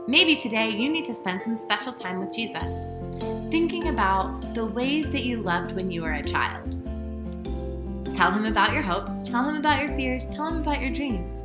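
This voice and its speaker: In a roomy-sounding space, a female pastor hosts children's storytime, her voice on the high side as she reads aloud and chats directly with her young audience in a bouncy, sing-song style.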